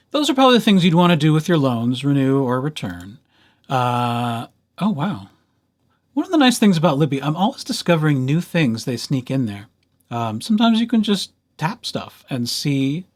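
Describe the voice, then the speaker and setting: Pitched on the high side, a man leads a relaxed screencast tutorial for library patrons. Every step gets a playful, conversational explanation sprinkled with brief asides.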